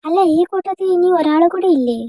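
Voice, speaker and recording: A woman's voice: extremely high pitch, mellow, no echo. Woman voicing a chatty college girl. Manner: quick-tongued, squabbling. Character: lively, chatty young female first-year student. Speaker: fan dub voice actor. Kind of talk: amateur dubbed romance drama.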